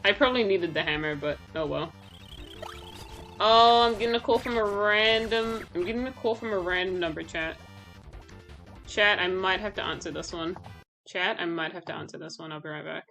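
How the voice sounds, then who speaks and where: A woman's voice: on the low side, a little fast, vocal fry, pushed and bright, soft background music, low-quality recording. A woman streaming a game live, reacting aloud to the gameplay, talking to her chat and mocking herself. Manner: self-mocking exclamations.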